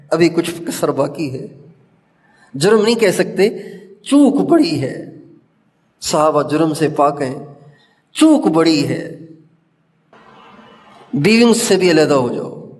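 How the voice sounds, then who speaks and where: A man preaching an Urdu sermon with a Pakistani accent, telling a story with passion, rising to emphatic questions and chanting scripture verses. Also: on the high side. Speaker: Islamic preacher. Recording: long reverb of a large hall.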